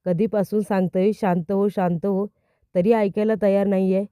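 A woman's voice: medium pitch, little pitch movement, normal speed, dark tone, clear, resonant tone, dry recording, clean studio sound, close to an everyday voice. A woman voicing a stern, exasperated young husband who scolds firmly, reading his lines in a recap. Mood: scolding.

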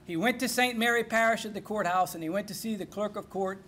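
A man's voice: high-pitched, a little hiss or hum. A man with a Cajun accent from South Louisiana, telling folksy comic stories to a live audience. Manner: lively, folksy joke-telling with drawn-out punchlines. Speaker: humorist.

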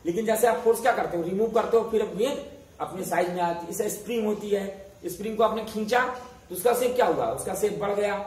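A man's voice: sits high, fast, darkish tone. A man teaching a school science lesson in a classroom. He repeatedly asks questions and answers them himself, drilling each key term. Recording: very echoey room, voice far off, faint hiss.

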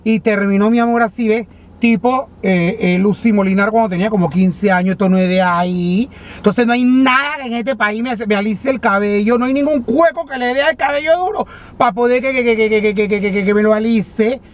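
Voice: mid-range voice, fairly quick, close to an everyday voice. A comic performer with a Panamanian accent playing a vain, dramatic female TV personality who complains flamboyantly and stammers, speaking from inside a parked car. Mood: indignant. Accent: Panamanian Spanish. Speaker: comedy character vlogger. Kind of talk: comedic character monologue.

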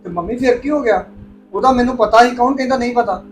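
An actor playing a young husband who calmly reasons with his mother. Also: extremely high pitch, fast talker, faint music behind. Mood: placating. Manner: reasoning, placating. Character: calm young husband mediating family. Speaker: husband and son. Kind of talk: family drama acting.

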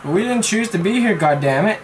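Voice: mid-range voice, lively intonation, fast talker, music in the background, low-quality recording. A gamer commenting on a horror game, teasing a co-player and laughing and exclaiming a lot. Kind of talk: horror let's play commentary.

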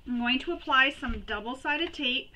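A woman hosting a sewing tutorial, giving practical step-by-step instructions and pausing while she works. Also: high-pitched, distant mic, noisy background. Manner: chatty and practical, pauses while working.

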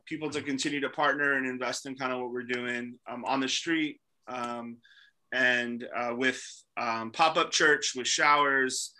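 Man, 30s, host on a video call; very bright tone, lots of ums. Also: medium pitch, low-quality recording. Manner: halting, many fillers. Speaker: ministry staff host. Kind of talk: casual video call talk. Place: small room indoors.

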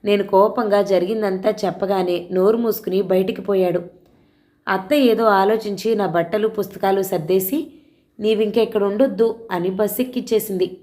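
A woman's voice: medium pitch, fairly even intonation, normal speed, warm tone, close to an everyday voice. A woman voicing a frightened village girl. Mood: earnest. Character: teenage village girl, frightened but defiant.

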